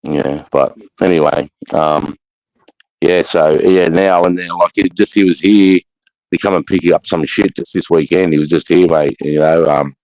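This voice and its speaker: A man's voice: low voice, steady tone, normal speed, a little mellow, no echo. A man with an Australasian accent chatting casually in a blokey, slangy way, swearing freely. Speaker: host of a live chat. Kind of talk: casual chat. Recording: dull lo-fi sound.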